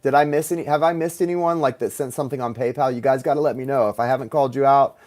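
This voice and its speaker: A man's voice: medium pitch, fairly even intonation, quick pace, a little mellow. A man hosting a live tarot stream, chatting casually, reading viewer comments aloud and laughing easily.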